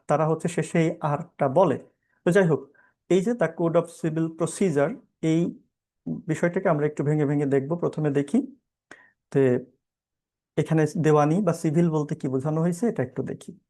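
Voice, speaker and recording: Bangladeshi man lecturing on law, mellow voice. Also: on the high side, normal speed, long pauses. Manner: explanatory, asks and answers his own questions; mixes English legal terms into speech. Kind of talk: classroom-style lecture.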